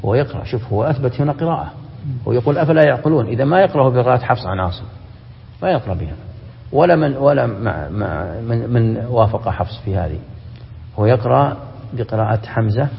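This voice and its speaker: A man, a sheikh giving a Quran commentary lesson, quick and emphatic, often breaking off and restarting words. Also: medium pitch, creaky. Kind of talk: classroom lecture with questions to students. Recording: dull, echoey lecture-hall recording.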